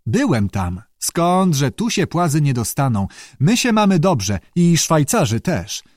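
A man's voice: on the high side, very animated, takes it slowly, dry recording, studio quality, voice pushed up, heavily acted. A male audiobook reader voicing a stubborn old father who scolds his son and later grows shaken and afraid. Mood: dismissive. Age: older. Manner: scolding, dismissive, later shaky and fearful. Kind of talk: audiobook character voice.

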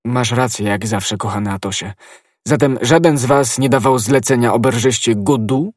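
A man's voice: medium pitch, moderate pace, no room sound, clean studio sound, lightly acted. A man voicing a young, hot-blooded musketeer who speaks urgently and emphatically. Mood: earnest.

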